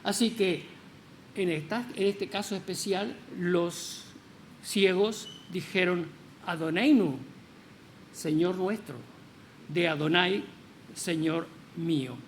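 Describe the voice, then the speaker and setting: A man's voice: high-pitched, steady tone, slow pace, a little hiss or hum. A man preaching in church, explaining scripture with many rhetorical questions and stressed words. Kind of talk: sermon.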